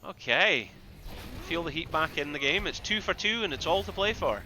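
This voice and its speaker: A male esports caster calls a live match in a very bright, forceful, slightly high voice. He swings between brisk running commentary and sudden loud exclamations. A faint hiss of background noise sits under him. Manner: excitable, bursts of loud exclamations.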